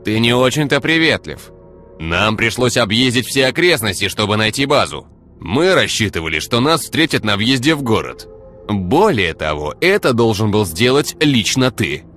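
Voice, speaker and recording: A man's voice: lowish voice, sing-song, moderate pace, fairly bright tone, soft background music, pitched above the performer's own voice. A man voicing an arrogant young ministry officer with a rude, haughty, raised tone.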